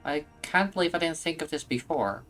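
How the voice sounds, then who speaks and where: A man's voice: on the high side, expressive, fairly quick, a bit bright, faint music behind. A man talking casually as he plays a co-op video game. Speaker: gaming streamer. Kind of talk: casual co-op gameplay chat.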